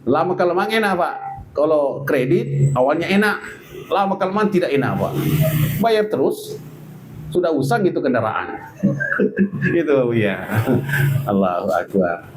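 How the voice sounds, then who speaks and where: A man's voice: medium pitch, noisy background. A man preaching a religious study sermon in a conversational, joking way, constantly addressing the audience directly. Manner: conversational, keeps adding "Pak" and "itu, Pak, ya"; jokes with the audience, lively and animated.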